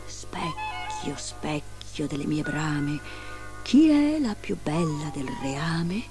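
Lady doing an evil vain queen, low hushed voice, creepy and sly. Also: sing-song, very slow, faint music behind, exaggerated voice. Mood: hushed scheming. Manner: low hushed whispery menace. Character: wicked vain queen, cold and scheming.

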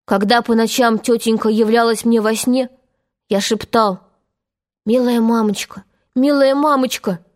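A woman reading a storybook aloud and voicing a timid lost boy who speaks quietly and full of remorse. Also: on the high side, fairly even intonation, measured pace, natural voice. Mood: remorseful.

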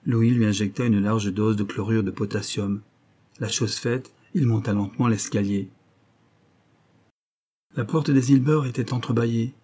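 Deep dark-voiced male audiobook narrator. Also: steady tone, moderate pace, pauses often, slightly rough.

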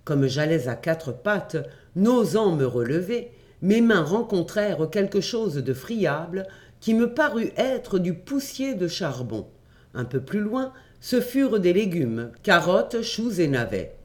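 A man reading a classic adventure novel aloud, in measured, expressive storytelling. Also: high voice. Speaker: audiobook reader.

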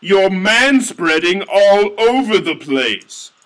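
A man voicing a husky young dwarf woman who scolds bluntly in an exasperated tone. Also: sits high, big pitch swings, slow, pitched above the performer's own voice, heavily acted. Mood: annoyed.

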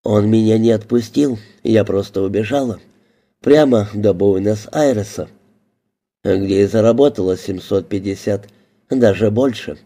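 A man's voice: lowish voice, a little slow. A man voicing a defiant woman snapping back. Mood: defensive. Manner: sharp, defensive retorts. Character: defiant adult woman with a hidden past.

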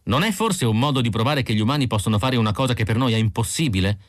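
A male audiobook narrator voicing an excitable android woman who speaks high and insistently. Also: quick pace, no echo, studio quality, close to an everyday voice.

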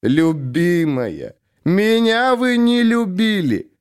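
Drunk cop declaiming verse, high and drawn out, read by a male narrator. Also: sing-song, slow pace, clear, resonant tone, exaggerated voice. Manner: slurring, theatrical poetry recital. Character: drunk male police captain reciting poetry. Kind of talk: audiobook character voice.

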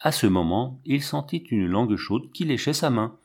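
A man narrating an audiobook in a measured, dramatic reading. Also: medium pitch, lively intonation, darkish tone, slightly rough.

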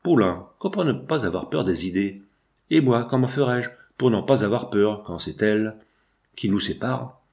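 A wounded, reproachful young woman from an old novel, as a male reader puts her on. She sounds pleading, then bitter, in a fairly low voice that dips deeper on her sadder words. The delivery stays close to a plain reading voice. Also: expressive, normal speed, a little mellow.

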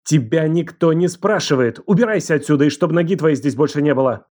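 Male reader voicing a stern middle-aged aunt, domineering, shouting, harsh, high raised voice, audiobook. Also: a little fast, natural voice. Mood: furious scolding. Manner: shouting, harsh, breaking into a shriek.

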